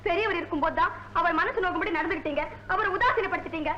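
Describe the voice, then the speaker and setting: An actress playing a quick-witted young woman tenant in a 1970s film comedy, talking persuasively and managing everyone. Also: very high voice, roomy sound, dull audio.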